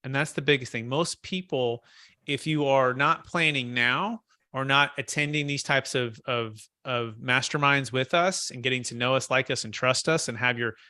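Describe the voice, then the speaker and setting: A man's voice: medium pitch, moderate pace, bright, forceful tone, clear, resonant tone, dry recording, clean studio sound. A man hosting a casual real estate webinar over a video call, talking earnestly and thinking aloud with frequent restarts. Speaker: host of a commercial real estate mastermind call.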